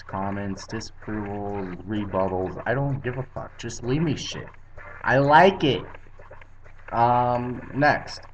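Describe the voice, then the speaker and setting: Young man, blunt profane vlog rant, slow talker, lo-fi webcam sound. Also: lowish voice, background noise. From Arizona, USA. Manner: blunt and profane, lecturing the viewer. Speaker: vlogger. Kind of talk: opinionated political rant. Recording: dull lo-fi webcam audio.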